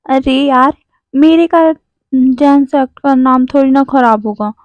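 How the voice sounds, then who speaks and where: A woman voicing a teasing, high-voiced young man. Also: measured pace, no echo. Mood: carefree. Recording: dry, dull lo-fi sound.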